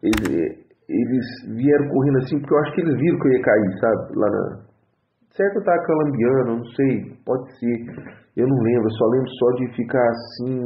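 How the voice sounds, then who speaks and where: A Brazilian man giving an earnest religious testimony, repeating his exhortations over and over. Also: mid-range voice. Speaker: church member giving testimony. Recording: tinny phone-like audio in an echoey room.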